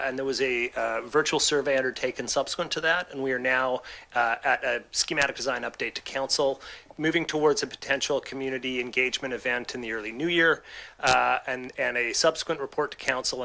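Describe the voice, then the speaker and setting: A man's voice: mid-range voice, vocal fry, sharp tone, poor audio. A man, the design lead architect, giving a businesslike presentation to a town council, with frequent fillers. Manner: quick and businesslike, with many fillers.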